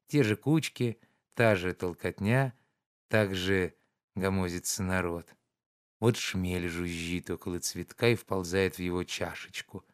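A male audiobook narrator with a fairly low voice reads a classic novel. His delivery is measured and even, with a calm storyteller's pacing. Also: clear, resonant tone.

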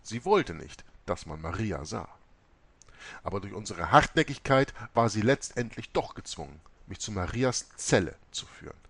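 A man reading a first-person memoir aloud, telling it in a dramatic, expressive way. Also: fairly low pitch, creaky. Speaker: audiobook reader.

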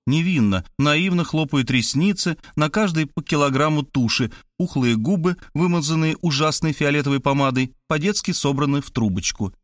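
A man narrating a first-person audiobook, animated and expressive, dropping lower for his own character. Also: moderate pace, hardly any pauses, no room sound, studio quality.

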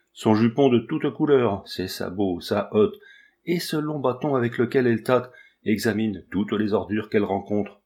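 A man narrating a classic children's story aloud in a measured, expressive reading. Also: fairly low pitch. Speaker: audiobook reader.

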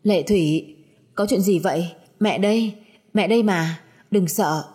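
A woman voicing a calm, protective middle-aged mother in a spoken audio story, soothing yet firm. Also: fairly low pitch, measured pace, slightly rough.

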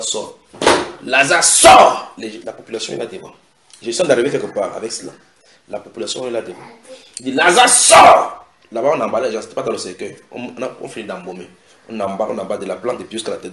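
A man preaching a sermon, breaking into loud dramatic voices for the people in the story. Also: lowish voice, quick pace, reverberant, noisy background. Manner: dramatic, acts out biblical voices with sudden loud shouts.

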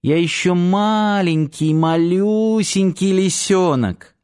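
A man's voice: high voice, slow, a little mellow, clean tone, voice pushed up. A man reading an audiobook, voicing a defiant, fiery teenage girl with a raised, pouty voice. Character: stubborn fiery teenage girl, red-haired.

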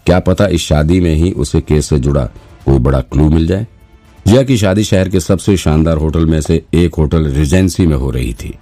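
A male audiobook narrator with a very low, dark, mellow voice, telling the story at a steady pace. He acts out the characters' lines as he goes. Faint music plays under the narration. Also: moderate pace.

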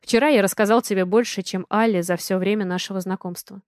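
A woman reading aloud, voicing a playful young male rescue worker in a soft, slightly lowered tone. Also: fairly even intonation, quick pace, no room sound, clean studio sound, close to an everyday voice. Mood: tender.

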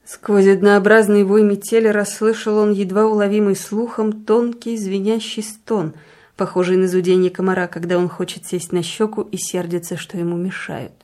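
A woman narrating a literary story in a measured, calm reading voice. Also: mid-range voice. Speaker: audiobook reader.

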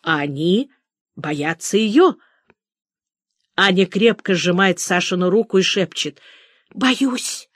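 A woman reading a story aloud as scripted narration, with expressive delivery. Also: fairly low pitch, takes it slowly, long pauses, no echo, studio quality. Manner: expressive reading, briefly voicing the characters' quoted lines. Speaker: audiobook narrator.

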